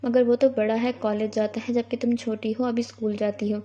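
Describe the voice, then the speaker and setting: A woman's voice: on the high side, little pitch movement, lightly acted. A woman reading the lines of an affectionate young man who dotes on his little sister, on a dull lo-fi recording. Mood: gentle. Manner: gentle, affectionate. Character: affectionate young man, doting older brother.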